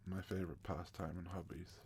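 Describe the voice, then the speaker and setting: Man from South Africa, soft-spoken ASMR host, gravelly low voice, faint hiss behind. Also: level tone, fairly quick. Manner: soft-spoken, gentle, partly whispered.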